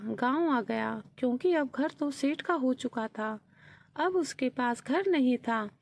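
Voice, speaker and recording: A woman narrating a sad story in a steady, solemn storytelling manner. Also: sits high, vocal fry.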